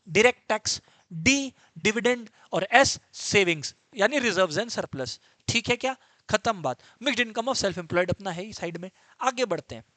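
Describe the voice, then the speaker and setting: A man's voice: sits high, bright, forceful tone, no echo. A man teaching an exam-prep lecture, emphatic and drilling terms over and over. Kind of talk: online lecture.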